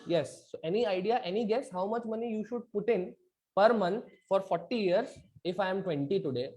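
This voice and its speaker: This Indian man talks fast as he teaches an interactive online video lecture that switches between two languages. His voice is high-pitched and a little mellow, and the audio sounds dull. Frequent tag questions check whether students understand.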